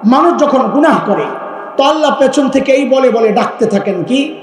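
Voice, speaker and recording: A man from Bangladesh preaches a sermon to a gathering in a very high, ringing voice. He speaks with passion, pressing the crowd with questions and breaking into chanted verses. His voice booms through a heavy echo that hangs in a long hall reverb. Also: lively intonation, moderate pace. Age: adult with grown children. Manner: impassioned, calls out questions for the crowd to answer; chants scripture verses in a sung tone. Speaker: Islamic preacher.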